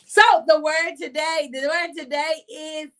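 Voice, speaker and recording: A woman with a high, bright voice gives a casual devotional talk on her live stream. She talks straight to her listeners, calling them y'all, and she breaks often into lively exclamations. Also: unhurried. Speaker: host of a faith live stream.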